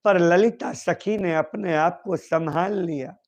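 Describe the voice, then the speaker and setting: A man tells a devotional story, lingering emotionally on repeated phrases. His voice is high and his pace very slow. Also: creaky, lo-fi sound. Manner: emotional, drawn-out, repetitive. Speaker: preacher.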